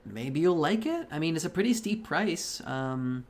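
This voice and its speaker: This is a Belarusian streamer, Russian as his first language, chatting loosely while he plays and swearing freely. His delivery wanders and keeps restarting, animated yet unhurried, in a slightly high male voice.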